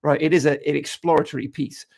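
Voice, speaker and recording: A man in his forties with a fairly high, gravelly voice, thinking aloud in casual market talk. He repeats himself and keeps checking in with "right?". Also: steady tone, quick pace, darkish tone. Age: 40s. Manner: musing, repeats words, tags lines with "right?". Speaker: trading co-host.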